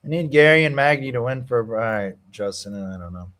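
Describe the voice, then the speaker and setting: Male live-stream host, mid-pitched, loose and chatty, shouting out donors between fight calls. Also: lively intonation, brisk. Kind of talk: casual live-stream chat.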